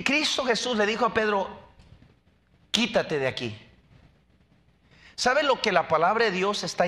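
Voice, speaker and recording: A man's voice: high-pitched, pushed and bright. A male preacher delivering an emphatic sermon, questioning his congregation and acting out quotes. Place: church.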